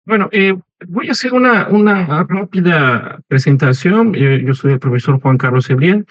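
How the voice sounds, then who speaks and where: Fairly high-pitched and animated, a Peruvian professor from Lima in his forties gives a webinar as guest speaker, his Spanish tinged with Portuguese wording. He talks unhurriedly and conversationally, tagging lines with "¿no?" and "¿eh?", on a dry but slightly muffled online call.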